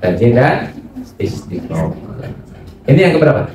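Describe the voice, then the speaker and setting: A man preaching a religious study talk in an animated way, acting out voices as he goes. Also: mid-range voice, moderate pace, noisy background. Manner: animated, acts out quoted voices. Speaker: Islamic preacher. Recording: echoey hall from far off.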